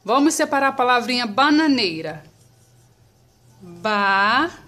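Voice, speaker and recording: A woman teaching children about syllables, patient and clear, sounding words out slowly. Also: a little high, very animated, fairly bright tone. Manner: slow, patient, spells syllables out.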